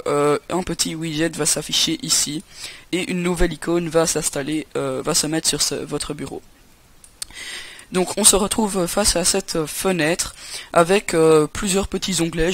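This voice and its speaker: A young man from France hosting a casual computer tutorial, talking hesitantly with many fillers and restarts. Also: a little high. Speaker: tutorial host. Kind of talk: casual screen-recorded tutorial.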